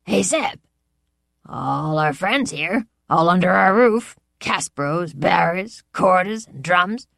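A woman's voice: big pitch swings, slow pace, creaky, dry recording, clean studio sound, full character voice. A woman voicing a bellowing, overbearing old grandfather lord with brassy, jeering laughter in his voice. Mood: boisterous. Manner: booming and jeering.

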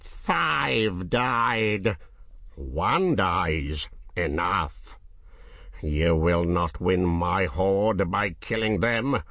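Huge old dragon, dry rasping voice, slow sly coaxing, drawn-out words, put on by a male reader; dead-dry close mic. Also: sits low, a bit bright, no room sound, heavily acted. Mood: menacing. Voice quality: great dry voice.

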